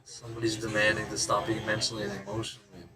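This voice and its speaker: A man's voice: lowish voice, completely flat delivery, very fast. A man hosting a casual rambling monologue, swearing and laughing to himself as he wanders between thoughts. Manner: rambling, profane, laughing asides. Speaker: host.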